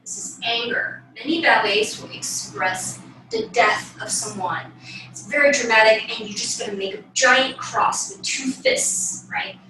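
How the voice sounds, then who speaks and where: A young woman gives a casual ballet demonstration to camera, her slightly high voice sing-song and measured, often checking in with a tag question. She's in a small bedroom, recorded on a distant mic in an echoey room with faint noise.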